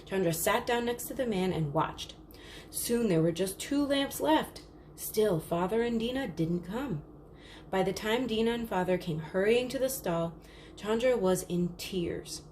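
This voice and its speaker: A woman with a medium-pitched voice reads a children's story aloud, measured and expressive like a storyteller. The background is clearly noisy.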